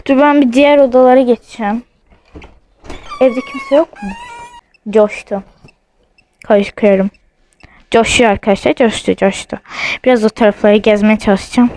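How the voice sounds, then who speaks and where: Her voice is on the high side, steady, and darkish, delivered at a moderate pace over a low-quality recording with slight hiss or hum. She's a young woman casually vlogging from her house on her phone while playing a ghost-hunting app. On edge, she says again and again that she's scared.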